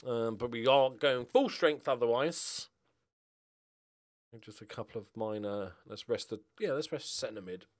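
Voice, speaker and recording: Medium in pitch and a little slow, the voice belongs to a middle-aged British man streaming a football management game. He rambles and jokes casually through his gameplay, thinking out loud and alternating between muttering and exclaiming.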